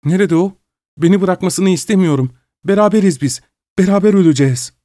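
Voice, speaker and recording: A man's voice: animated, fast talker, dark tone, no room sound, studio quality, close to an everyday voice. A man voicing a desperate young mother who clings to her husband, pleading in a raised voice. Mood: frantic. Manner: high-pitched, pleading, cries out.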